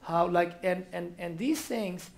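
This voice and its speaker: A man from Ethiopia speaking on a stage panel, animated and restarting often. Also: high-pitched, unhurried, gravelly. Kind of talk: panel discussion. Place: large auditorium stage. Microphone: headset mic.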